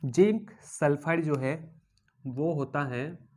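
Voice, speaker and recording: A man's voice: on the high side, slow pace. A man with an Indian accent teaching physics in a classroom lecture, repeating key terms as questions to the class and acting out objects as characters in playful stories. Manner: animated, acts out objects as characters.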